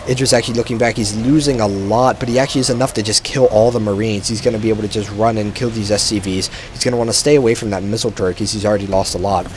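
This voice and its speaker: A man with a fairly low voice calls a strategy game match on his own, chatty and relaxed, dropping fillers as he goes. He sounds a little short on sleep. A faint hiss sits under the home recording. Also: rapid-fire, few pauses. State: tired. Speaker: game commentator. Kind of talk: solo video game commentary.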